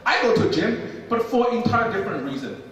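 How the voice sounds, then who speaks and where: A man's voice: high voice, brisk, far from the mic. A young man from China with a Chinese accent, performing stand-up comedy on a theater stage and acting out the people in his stories. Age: young adult. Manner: animated storytelling, acts out other people. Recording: echoey theater hall from afar.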